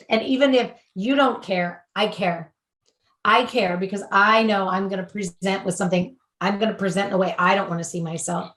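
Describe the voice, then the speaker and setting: A woman's voice: medium pitch, normal speed, fairly bright tone. Earnest woman coaching in a roomy space. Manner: earnest, repetitive lists of feelings, acts out sample dialogue. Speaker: host. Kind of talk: conversational recovery coaching talk.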